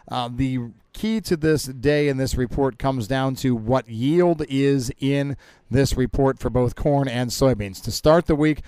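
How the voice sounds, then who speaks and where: A man talks through grain markets in a conversational, emphatic manner, his voice smooth and resonant. The sound is dry and close despite the fair setting. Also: medium pitch, darkish tone, no room sound. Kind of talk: market commentary. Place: county fair, outdoors broadcast.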